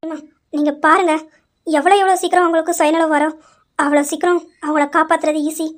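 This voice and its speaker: A woman's voice: extremely high pitch, flat delivery, fast talker. A woman voicing an earnest female hospital doctor who explains a patient's condition in an audio drama. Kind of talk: amateur audio drama acting.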